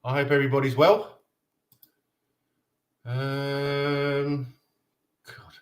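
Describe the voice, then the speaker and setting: A Danish man in his thirties hosts a casual fan live stream, chatting loosely, reading viewer comments aloud and laughing often. His medium-pitched voice is monotone and extremely slow.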